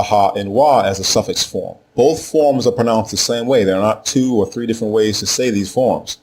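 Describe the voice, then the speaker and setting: A man reads a scripted lesson in a somewhat low voice. He is measured and deliberate, spelling out letters and saying each name slowly twice. A faint noise sits under the recording. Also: darkish tone. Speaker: teacher of Hebrew names. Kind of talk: scripted narration.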